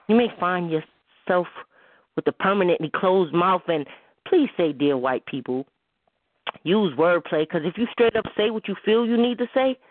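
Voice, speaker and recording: A woman co-host performing a spoken-word poem with a measured, rhythmic delivery and hushed emphasis. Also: fairly low pitch. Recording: phone-line sound with faint noise.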